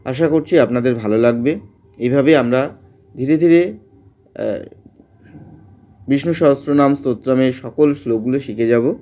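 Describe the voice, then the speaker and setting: A man teaching Sanskrit verse pronunciation, chanting lines slowly syllable by syllable between short explanations. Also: mid-range voice, dark tone, dull audio. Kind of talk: slow syllable-by-syllable pronunciation lesson.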